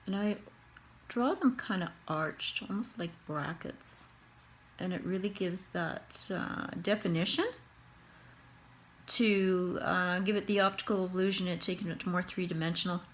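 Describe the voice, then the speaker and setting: Speaking in a lowish, slightly bright voice at an unhurried pace, a Canadian woman with a Canadian accent demonstrates face painting on herself, chatting and thinking out loud. A faint hiss or hum sits under the audio.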